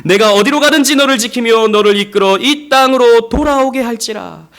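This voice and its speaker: A man voicing God as a reassuring figure who speaks slowly and soothingly to a frightened man. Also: very high-pitched, fairly bright tone, voice pushed up. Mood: solemn. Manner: slow, deliberate and soothing.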